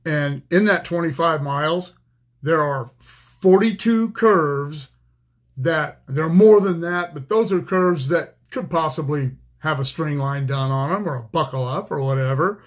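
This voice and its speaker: An older retired railroad man talks through his topic in a loose, plainspoken way. His voice sits a little higher than most men's. He stops often on fillers and restarts his sentences as he thinks. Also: measured pace. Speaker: retired railroader, channel host. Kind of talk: casual explainer monologue.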